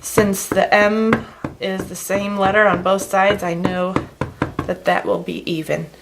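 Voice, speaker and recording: A woman's voice: mid-range voice, unhurried, creaky, noisy background. Chatty woman demonstrating card stamping. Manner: chatty, relaxed, many fillers. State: slight frog in throat. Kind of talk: casual craft tutorial.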